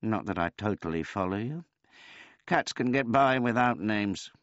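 A man voicing a weary, laconic elderly male tomcat who speaks in a dry, unhurried, noncommittal way. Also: fairly low pitch, expressive, fairly bright tone, dry recording, muffled recording, voice pushed up.

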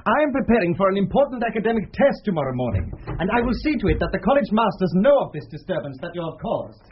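A man's voice: high-pitched, sing-song, fast talker. A man playing a stern, haughty college student, formal, precise and disapproving, in a period radio drama. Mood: cold disapproval. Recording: muffled, noisy radio recording.

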